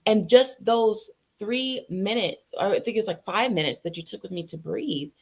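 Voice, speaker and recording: A woman's voice: medium pitch, moderate pace, vocal fry, slightly rough. A woman hosting a show for mothers, sharing a personal story in a heartfelt, slightly teary way. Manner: emotional, heartfelt, a little teary. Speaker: podcast host. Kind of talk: casual interview chat.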